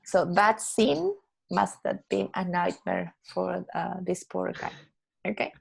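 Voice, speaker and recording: A woman teaching an English class over a video call. She explains patiently, repeats words slowly and keeps checking with "yeah?". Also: lowish voice, lively intonation, gravelly, husky, low-quality recording. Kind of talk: online English lesson.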